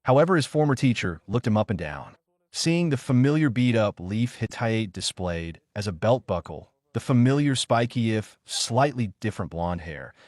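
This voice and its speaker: A man reading a fan fiction story aloud in a steady voice, with occasional misread words. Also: lowish voice, no echo, studio quality. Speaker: reader.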